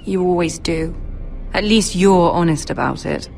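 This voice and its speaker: Imperious young future queen in a game, slow deliberate delivery, bit of creak, formal. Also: on the low side, a little mellow, faint music behind. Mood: regretful, disappointed. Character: poised, commanding young noble lady, betrothed future queen. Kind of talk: dramatic video game acting.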